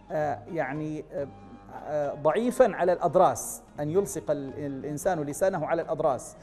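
A man, a scholar of Quranic recitation, explaining in a measured way with drawn-out fillers and spoken pronunciation demonstrations, as a TV studio guest. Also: a little high, darkish tone. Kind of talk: explanatory TV interview answer. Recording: reverberant studio with faint background music.

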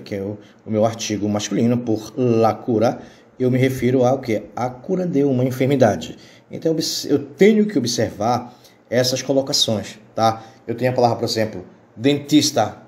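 A man, a Spanish teacher giving a recorded lesson and explaining step by step, often checking in with quick tag questions. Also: medium pitch, a little mellow.

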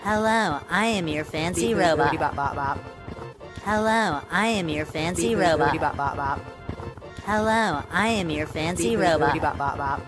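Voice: mid-range voice, fairly quick, long pauses, music in the background, close to an everyday voice. A young streamer voicing a silly robot that chants a sing-song beep-boop rhythm during a live game stream. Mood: chanting.

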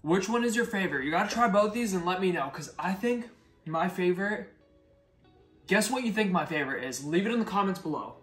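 A man's voice: sits high, expressive, brisk, a bit bright. A young man chatting upbeat to camera as a food vlogger, talking while he chews. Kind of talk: casual chat to camera. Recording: echoey room with faint music.

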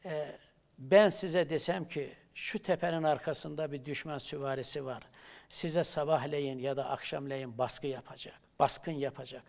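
Gravelly-voiced professor explaining scripture. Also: male voice, fairly high pitch, normal speed. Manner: animated storytelling, recites Arabic verses. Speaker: professor of theology, guest. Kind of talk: religious studio talk show. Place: TV studio.

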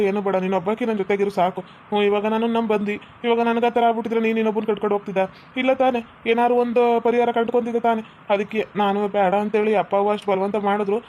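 A man with a North Karnataka Kannada accent, voicing a husband in a home cartoon, pleading in a rapid, even way. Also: high voice, highs cut off, slight background noise. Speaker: voices the husband character. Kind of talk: cartoon voice acting.

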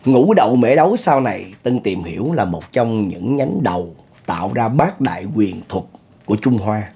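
A middle-aged man hosting a ghost story, Southern Vietnamese accent in tow, keeps up a chatty rapport with listeners and laughs often. His lowish voice is gravelly, dark and a bit rough, with a sing-song lilt at normal speed.

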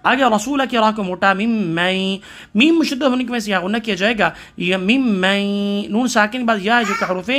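A man's voice: sits high, a bit bright. A man from Pakistan teaching tajweed, reciting verses and explaining each letter rule step by step, stopping now and then to correct himself.

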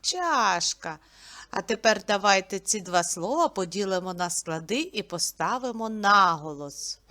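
A woman teaching a literacy lesson to small children, reciting riddles and slowly splitting words into syllables. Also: mid-range voice, expressive, pushed and bright. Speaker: preschool teacher.

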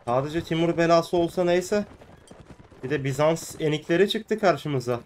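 Hoarse man ranting over a game. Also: on the high side, moderate pace, darkish tone, slight background noise. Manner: ranting and cursing at the game, frequent outbursts. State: hoarse from illness. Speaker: gaming video host. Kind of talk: let's play commentary.

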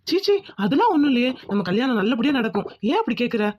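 A woman's voice: fairly high pitch, very animated, fast talker, a little mellow, breathy edge. A woman voicing a young village groom in a cartoon, soothing but firm and insistent. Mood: guarded. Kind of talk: cartoon voice acting.

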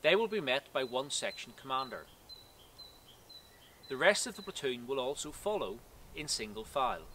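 A man in his thirties, a cadet force instructor, gives a scripted military lesson outdoors in woodland, speaking in a measured, precise way, recorded by a camera some distance away. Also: mid-range voice, sharp tone, a little hiss or hum.

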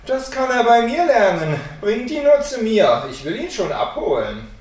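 A woman's voice: a little high, sing-song, normal speed, darkish tone, pitched above the performer's own voice. A woman playing a sly scheming sexton. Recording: echoey room from far off.

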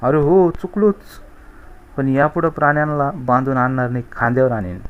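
A man's voice: mid-range voice, moderate pace, slight background noise, close to an everyday voice. Simple earnest young guy, narrator doing him, eager to please, muffled lo-fi. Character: naive, well-meaning young man Balu.

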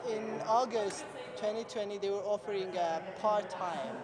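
Man, high voice, playful, teasing, casual chat, indoor sports hall, far camera, loud crowd noise. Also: moderate pace. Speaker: badminton player. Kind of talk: casual chat between rallies.

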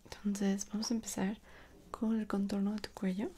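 A young woman with a Mexican accent in an ASMR role-play as a dressmaker, speaking softly and attentively straight to the listener. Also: mid-range voice, little pitch movement, a little hiss or hum. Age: young adult. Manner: soft, unhurried, attentive, speaking directly to the listener. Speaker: ASMR performer playing a dressmaker. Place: small indoor room at home.

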